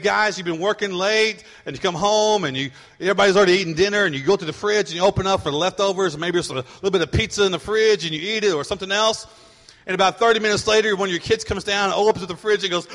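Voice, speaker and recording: Preaching with lively storytelling, a middle-aged pastor imitates his children's voices. His man's voice sits high, trailed by a long reverb tail.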